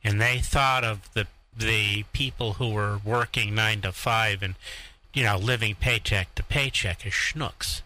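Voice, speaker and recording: A male co-host with a low voice and a bright, forceful edge builds his point in a conversational way. He paraphrases others as he leads into a question. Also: fairly even intonation, unhurried, poor audio. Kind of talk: conversational interview.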